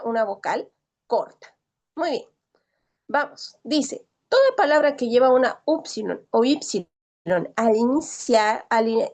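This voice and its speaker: A woman's voice: sits high, a little mellow. A woman teaching a language class who explains patiently, asks her students questions and keeps checking that they follow. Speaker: Greek teacher. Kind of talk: online class lecture.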